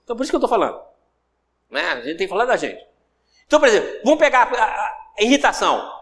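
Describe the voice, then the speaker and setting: A man with a very high voice and a Brazilian Portuguese accent teaches a recorded spiritual course. He speaks in a lively, conversational way, repeats phrases for emphasis and acts out everyday examples. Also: fast, big-room sound. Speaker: lecturer on spiritual self-development.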